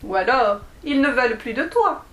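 Lady doing a little dwarf guy in a storybook, calm but a bit bossy, lively pitch. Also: normal speed, reverberant. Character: small male dwarf, calm and a bit impatient.

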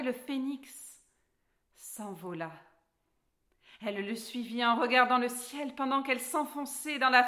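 Slow, bright-voiced woman reading a storybook. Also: on the high side. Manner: slow, deliberate and expressive, stressing key words. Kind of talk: storybook read-aloud.

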